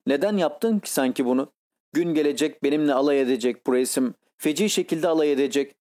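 A man's voice: on the high side, fairly quick, dark tone, natural voice. A man voicing an anguished vain youth. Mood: bitter. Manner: impassioned, pleading.

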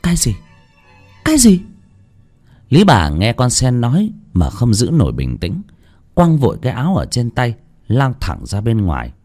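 A man's voice: mid-range voice, huge pitch swings, moderate pace, mellow, faint music behind. A man narrating a folk horror story in a dramatic storytelling style. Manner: dramatic, swooping delivery.

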